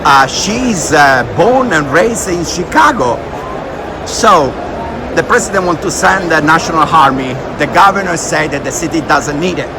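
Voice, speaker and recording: A man with an Italian accent asking passers-by questions in a halting, searching way. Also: fairly high pitch, expressive. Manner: halting, searching for English words. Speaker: street interviewer. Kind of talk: street interview questions. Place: city street outdoors. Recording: loud street noise outdoors.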